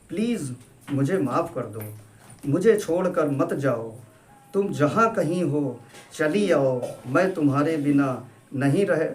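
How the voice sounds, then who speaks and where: A man doing a tender middle-aged husband. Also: fairly high pitch. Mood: tearful. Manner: gentle, tender, coaxing. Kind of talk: storybook reading.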